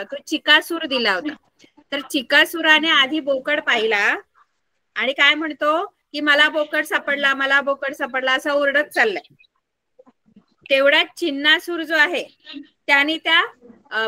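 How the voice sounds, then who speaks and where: High, bright-voiced woman teacher. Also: dry recording. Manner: explains slowly, asks children questions. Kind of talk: online class storybook reading.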